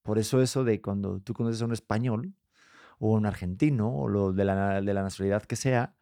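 A man's voice: lowish voice, fairly quick, mellow, no echo, studio quality. A man with a Spanish accent, a podcast co-host musing in casual chat with asides and restarts. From Spain.

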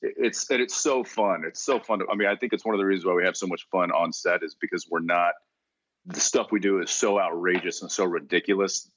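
A man from Texas, an actor being interviewed, talking in a relaxed, rambling way with frequent restarts. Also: sits low, a little fast, dry recording, muffled recording. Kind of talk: casual interview conversation.

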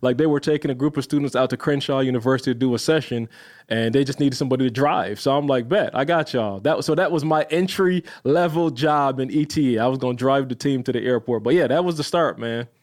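A man's voice: medium pitch, fast, darkish tone. A man from Barbados, a podcast guest, telling his story casually and acting out the voices in it.

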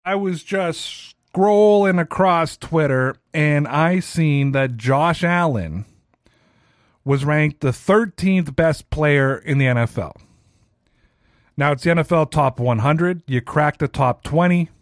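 This solo sports podcast comes from a man in his thirties who rants casually and pokes fun at himself. He talks at a slow pace in a higher-pitched voice. The sound is studio quality with no echo.

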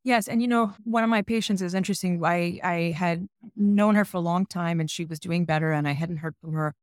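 A woman's voice: fairly low pitch, a little fast, no echo, studio quality. A woman, a psychologist guest on a podcast, explaining her approach earnestly and telling stories about her patients. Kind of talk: conversational podcast interview.

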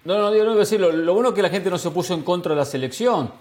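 High-voiced male pundit who rambles. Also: animated, rapid-fire, a little mellow. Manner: rambling, filler-heavy, self-deprecating humor. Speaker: football pundit. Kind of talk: sports talk show commentary.

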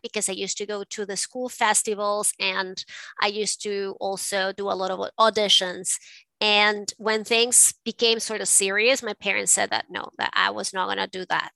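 A middle-aged woman from Venezuela talks through her life story as an interview guest, reflective and given to restarting her sentences. Her voice is bright and crisp, a little higher than most. The recording is dry and close. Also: no echo, low-quality recording. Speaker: guest, art advisor. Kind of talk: casual interview.

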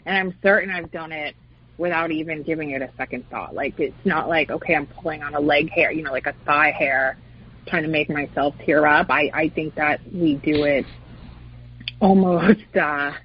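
A woman in casual discussion, talking in an animated way with many fillers and acted-out quotes. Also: low-pitched, moderate pace, a little hiss or hum. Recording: dull lo-fi recording.

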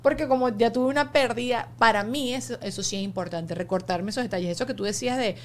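A woman podcast host, chatting in a lively, emphatic way. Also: a little high, fast, slight background noise. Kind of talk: casual conversation.

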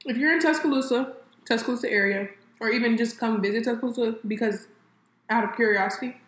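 A woman's voice: fairly high pitch, quick pace. Chatty woman from California, echoey room. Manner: chatty, laughs easily, addresses viewers as y'all. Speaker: co-host. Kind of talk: casual chat. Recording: echoey room with faint ambient noise.

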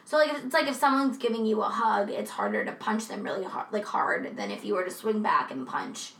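A woman co-hosting a casual true crime chat, talking in a chatty, profane way with animated asides. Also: medium pitch, fairly quick, gravelly, echoey room, recorded from a distance, poor audio. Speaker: podcast co-host.

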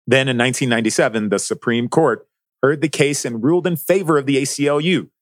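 A man's voice: medium pitch, fast, dry recording, clean studio sound. A man narrating a scripted podcast as its host. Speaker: guest host.

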